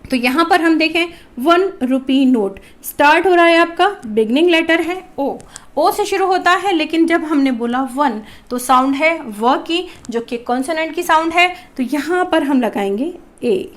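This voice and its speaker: A woman's voice: high-pitched, animated, measured pace. A woman teaching a grammar lesson to children, asking a question and answering it herself. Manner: addresses viewers as children.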